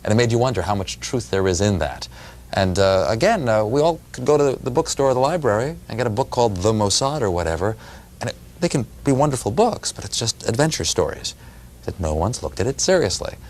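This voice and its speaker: A man's voice: fairly low pitch, animated, fairly quick, a little mellow. A man, a journalist answering interview questions thoughtfully. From New York City. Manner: thoughtful, with fillers. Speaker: journalist guest. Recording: faint background noise.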